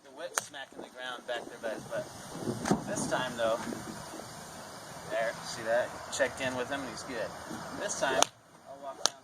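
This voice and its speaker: A man's voice: medium pitch, fairly even intonation, a little slow, long pauses. A man giving an informal, step-by-step hands-on training demonstration with running commentary, recorded outdoors. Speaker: horse trainer, instructor. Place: outdoors in wind. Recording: distant mic, loud wind, outdoor noise.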